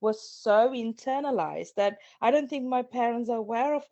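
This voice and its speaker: A woman's voice: fairly high pitch, normal speed, mellow, no room sound. Earnest woman from Sri Lanka, dry sound. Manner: reflective, earnest, repeats and restarts phrases. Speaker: guest, parenting coach. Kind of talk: podcast interview.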